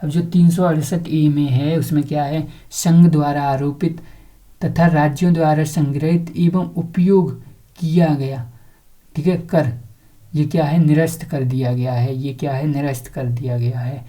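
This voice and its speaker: A woman lectures for an exam-prep class in a low, very mellow voice. She poses a question, answers it, then asks again and repeats the answer to fix it in memory. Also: fairly even intonation, unhurried. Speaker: teacher.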